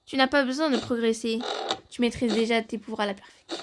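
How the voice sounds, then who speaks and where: A woman's voice: a little high, fairly even intonation, fast, noisy background. A woman voicing several family characters in a home-made fan drama, shifting her voice between the parts as they banter.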